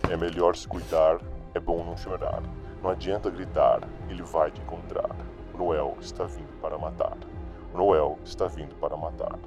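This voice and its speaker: A man's voice: flat delivery, moderate pace. A man voicing a sinister killer dressed as Santa, chanting a menacing carol in an eerie singsong through a voice changer. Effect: voice changer, distorted deep voice. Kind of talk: horror audio story acting. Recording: music playing behind the voice.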